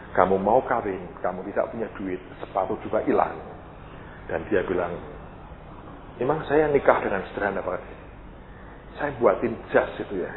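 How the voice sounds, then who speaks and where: A man preaching a storytelling sermon as a pastor, acting out dialogue with sudden high outbursts. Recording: echoey hall, tinny lo-fi sound with faint noise.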